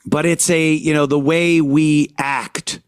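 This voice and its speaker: A man from the United States hosting a podcast, talking alone in an indignant rant full of halting restarts. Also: fairly high pitch, flat delivery, smooth, dry recording, clean studio sound. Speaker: podcast host. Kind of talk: podcast monologue.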